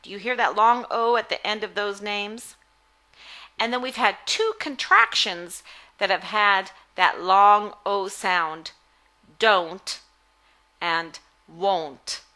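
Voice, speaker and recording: A woman giving a phonics lesson as a reading teacher, deliberately enunciating words in an instructional way. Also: mid-range voice, lively intonation, pushed and bright. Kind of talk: phonics lesson, word-by-word articulation drill.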